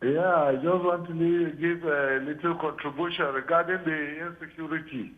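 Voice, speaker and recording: A man's voice: a little high, steady tone, normal speed. A man calling in to a talk show over a clipped, unclear phone line, repeatedly checking that he can be heard. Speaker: phone-in caller.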